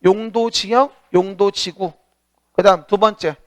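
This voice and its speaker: A man's voice: high voice, fairly even intonation, measured pace. A man giving an exam-prep lecture, asking rhetorical questions and repeating key points for students to recite.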